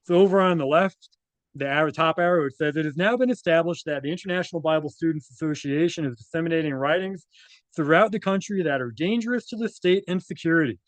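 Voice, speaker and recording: Reading documents quickly in a slightly high voice, this man breaks off for informal commentary and frequently tacks "right?" onto what he says. There's no room sound at all.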